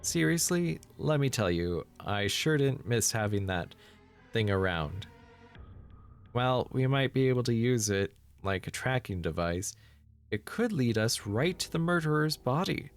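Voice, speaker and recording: A man's voice: mid-range voice, lively intonation, a little slow, faint music behind. A man voicing a rattled, sarcastic young student survivor in a horror game, informal and exclamatory. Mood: urgent, chatty. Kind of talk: amateur game dialogue voice-over.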